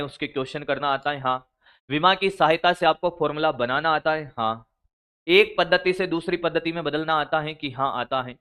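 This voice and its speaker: Blunt high-voiced male teacher. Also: bright, forceful tone, clean tone. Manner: scolding, blunt, addresses students as brother and son. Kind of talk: motivational study advice lecture.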